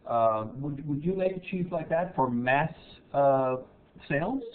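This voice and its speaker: A man's voice: a little high, lively intonation, unhurried. Chatty male show host, tinny sound. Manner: chatty, asks questions with many "uh" restarts. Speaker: TV show host interviewing a cheese maker. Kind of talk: casual interview chat.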